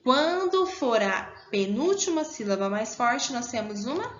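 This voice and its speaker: A woman's voice: on the high side, expressive, a little slow, muffled recording. A Brazilian woman teaching a primary school class online, patient and encouraging, asking the children questions as she goes. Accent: Brazilian Portuguese.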